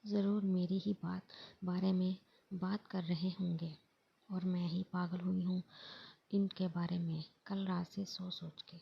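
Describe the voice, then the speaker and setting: Here is a shy young woman who is quietly hurt and stumbles over her words, read by a woman narrator. Her voice is low and flat, with a husky, gravelly grain. It sounds dull and lo-fi, like a storybook reading. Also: measured pace, full character voice. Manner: hesitant, hurt.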